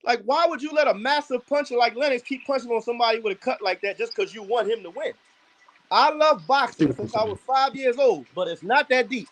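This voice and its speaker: A man's voice: extremely high pitch, a little fast, fairly bright tone. A man co-hosting a casual boxing podcast, arguing his points firmly and emphatically. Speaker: podcast co-host.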